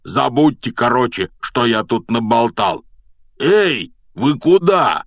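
A big, gruff, clumsy-hearted man, as a male reader does him, blurting things out in a rough, plain voice. The recording is dry and close. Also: lowish voice, expressive, a little slow, fairly bright tone, dry recording. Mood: rough, rambling.

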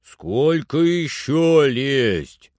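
A man voicing a cautious, grumbling old servant in an audiobook, slow and plaintive. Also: mid-range voice, expressive, no echo, clean studio sound. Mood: wary, calling. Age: older. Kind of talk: audiobook character voice.

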